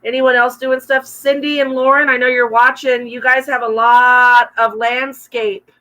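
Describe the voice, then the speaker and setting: A woman co-hosting a casual livestream chat, bubbly and quick to laugh, with a bit of a cough. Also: a little high, little pitch movement, bright, forceful tone, low-quality recording. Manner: bubbly, laughs often, chatty with viewers. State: coughing, throat trouble. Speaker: podcast co-host. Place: home room, livestream with wine.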